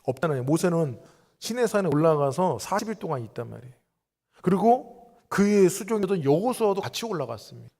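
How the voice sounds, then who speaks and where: A man's voice: sits high, very animated, brisk, creaky, a little mellow. A man preaching a sermon as pastor, putting many rhetorical questions to his congregation. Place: church sanctuary. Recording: long church hall reverb.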